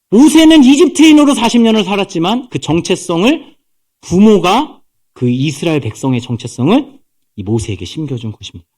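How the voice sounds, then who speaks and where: A male pastor preaching a sermon in an animated storytelling way, acting out the characters' voices. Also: high voice.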